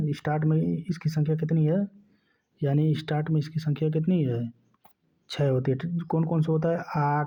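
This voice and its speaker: A man teaching a lesson at a slightly higher pitch than most men. He asks questions and answers them himself, checking in with his listeners over and over. The recording sounds dull and lo-fi. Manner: keeps asking and answering his own questions, repeating "ठीक ना". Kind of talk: classroom lecture.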